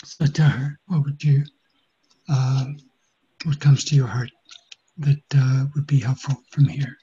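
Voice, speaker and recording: A man acting as a mediator, calmly paraphrasing what each side says, with many pauses and fillers, on a dull lo-fi recording. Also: mid-range voice, slightly rough. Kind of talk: guided mediation dialogue.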